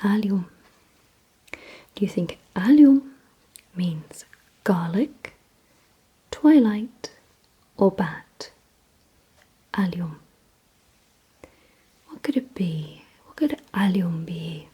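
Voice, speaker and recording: Right up against a close ASMR mic, a woman whispers with extreme breathiness, mostly unvoiced, as she leads a word-guessing roleplay. Her mid-range voice is dark, mellow and animated, and she gives instructions very slowly, repeating words with pauses between them. The audio quality is poor.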